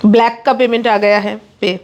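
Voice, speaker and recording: A woman hosting a live saree sale, urging viewers to book fast in quick, pushy patter mixed with English. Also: medium pitch, level tone, a little mellow. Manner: rapid, pushy sales patter, mixing English in. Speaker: online saree seller. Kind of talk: live sales stream.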